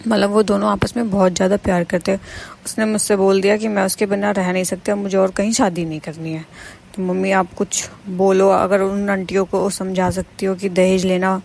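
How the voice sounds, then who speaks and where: A defiant, boastful young daughter-in-law, voiced by a woman in a home-drama cartoon. She talks back in a mid-pitched voice and lectures in a pushy, self-assured way. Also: little pitch movement, fairly quick, vocal fry, a little mellow. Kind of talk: animated cartoon voice acting.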